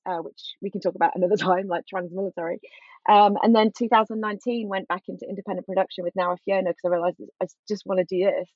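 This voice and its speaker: A woman's voice: mid-range voice, no room sound. A woman in casual conversation, talking in an enthusiastic, giggly way over slightly lo-fi audio. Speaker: podcast guest and show host.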